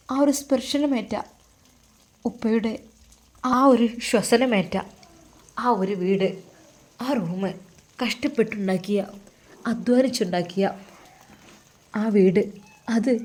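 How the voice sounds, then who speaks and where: An older widowed mother pleads tenderly with her son, her words heavy with grief, as a woman reads her part. She speaks with a Malabar Malayalam accent in a mellow, dark-toned voice at a middle pitch. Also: lightly acted.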